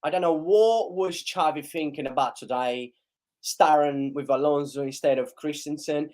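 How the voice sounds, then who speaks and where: At normal speed and fairly high pitch, a young football reaction streamer talks live with excitable energy, his voice hoarse from wearing out. He keeps reminding viewers to like and share.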